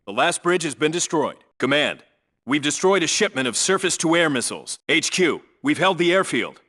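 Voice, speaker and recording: His voice is on the high side and fairly bright, with big pitch swings at a moderate pace. In military video game voice lines, he plays a tough special forces squad leader, issuing clipped radio reports and orders in a crisp, businesslike, authoritative manner.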